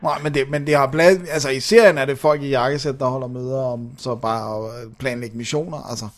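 A man chatting casually as a podcast co-host, relaxed and agreeable, often ending his points with a tag question. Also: medium pitch. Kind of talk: casual chat.

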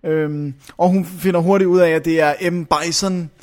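A young man talks through a movie in a loose, casual chat, his voice sitting fairly high. He rambles, hunts for names and leans on fillers as he goes. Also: fairly even intonation. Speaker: film reviewer.

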